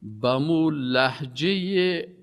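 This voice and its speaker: A man giving an emphatic religious lecture, his voice rising on key words and dropping low. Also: smooth. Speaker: Quran teacher. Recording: long hall reverb.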